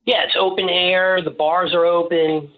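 A man chatting casually as an interview guest, rambling and halting, with a jokey way of talking. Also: sits high, flat delivery. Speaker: podcast guest, small-business owner. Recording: slightly dull, lo-fi sound.

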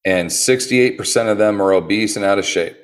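Low-voiced trainer guy chatting in an interview, earnest, keeps restarting sentences. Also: fairly quick. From United States. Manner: earnest, animated storyteller with many restarts. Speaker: personal trainer guest. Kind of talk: casual interview talk.

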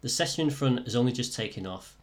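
A man with a slightly croaky, sore-throat voice, presenting a podcast as scripted first-person storytelling. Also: medium pitch, expressive, fast talker. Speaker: podcast host and student pilot.

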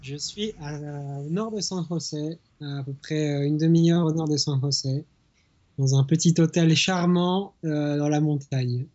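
A Frenchman speaks as an interview guest over a remote phone or internet line from a small hotel in the mountains, chatting casually with many hesitations. His voice is a little high and a little mellow, unhurried, with the highs cut off.

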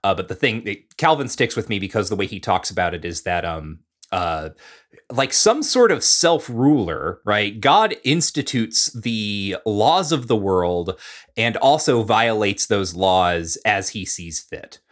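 Low-voiced man explaining theology. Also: very animated, fairly bright tone. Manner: measured, lecturing, frequent "uh" and "right?". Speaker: podcast co-host. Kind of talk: casual explanatory discussion.

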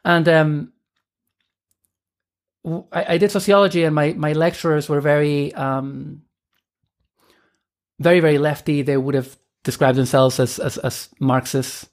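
A woman's voice: low-pitched, fairly even intonation, a little slow, long pauses, a little mellow. A woman in her thirties from Argentina, a podcast guest talking casually and hesitantly, with many fillers and restarts. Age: 30s. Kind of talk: casual conversational interview.

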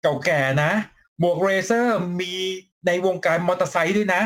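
A man's voice: high-pitched, moderate pace. A man co-hosting a late-night live cycling show, blunt and teasing, crude and jokey, laughing often. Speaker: cycling talk show co-host.

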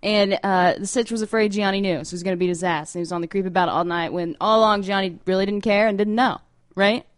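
A woman's voice: medium pitch, steady tone, fast talker, dry recording. A woman co-hosting a podcast in casual recap chat, blunt and questioning, swearing freely. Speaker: podcast co-host.

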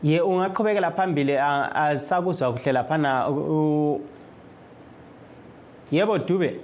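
A man's voice: a little high, darkish tone, a little hiss or hum. Hesitant Zimbabwean male talk host. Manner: hesitant, many long filled pauses. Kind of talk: moderating a live call-in discussion.

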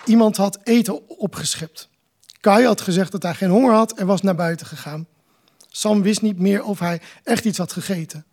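Gravelly-voiced man reading his novel. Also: sits high. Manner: measured, calm narration. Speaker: author. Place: live book presentation event.

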